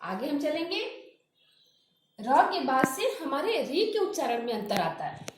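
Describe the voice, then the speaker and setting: A woman teaching a grammar lesson, slowly drilling pronunciation by repeating example words. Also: high-pitched, very animated, noisy background. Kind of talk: classroom lesson with spoken examples. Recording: very echoey room.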